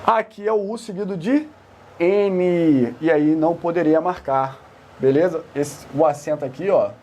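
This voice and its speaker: Slight background noise sits behind this male Portuguese teacher, whose pitch is fairly high and tone dark. He runs an exam-prep grammar class, stressing rules by slowing his pace and repeating important terms for emphasis.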